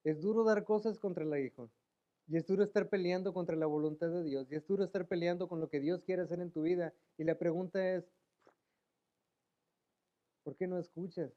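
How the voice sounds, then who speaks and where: A man preaching a sermon in a church, acting out pleading voices and rising to loud emphatic peaks. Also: sits high, steady tone, a little fast, muffled recording. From Mexico. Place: church sanctuary.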